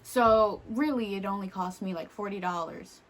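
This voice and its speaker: A woman's voice: medium pitch, moderate pace. A young adult woman vlogger speaking straight to camera, blunt and exasperated, swearing freely as she rants. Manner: blunt, profane, exasperated ranting. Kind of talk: casual rant to camera.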